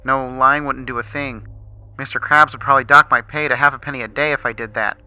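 A man voicing SpongeBob, a cheerful, eager young sea sponge, in a squeaky, earnest voice during a fan story reading. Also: steady tone, fairly quick, pushed and bright, low-quality recording. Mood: fretful.

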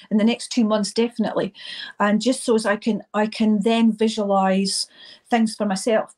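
A middle-aged or older woman with a Highland Scottish accent, speaking informally as an interview guest, often repeating words as she goes. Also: darkish tone. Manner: halting, repeats words and phrases. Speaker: interview guest, event organiser.

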